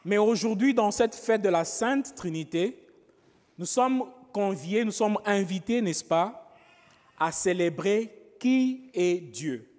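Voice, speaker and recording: A man, a priest, preaching a homily in a slow, pausing way, often adding rhetorical asides to the congregation. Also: sits high, expressive, a little mellow, in a large hall. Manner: slow, pausing, with frequent rhetorical "n'est-ce pas".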